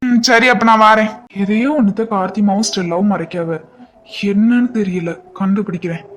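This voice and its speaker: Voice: medium pitch, fairly quick, a little hiss or hum, lightly acted. A voice actor playing a joking, curious young husband in a homemade cartoon who bickers with his wife. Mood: bantering. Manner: bantering, excitable. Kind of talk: amateur cartoon voice acting.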